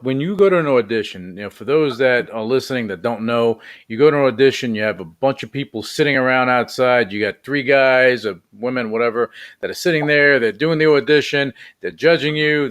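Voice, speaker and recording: A man hosting a radio talk show, interviewing a guest in a casual, rambling way with many repeated words. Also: medium pitch.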